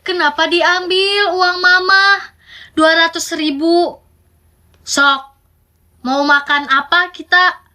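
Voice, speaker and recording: A woman's voice: extremely high pitch, steady tone, bright, forceful tone, voice pushed up, full character voice. A woman voicing a poor, exasperated mother who scolds her child with a Sundanese accent. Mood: scolding. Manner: nagging, drawn-out scolding.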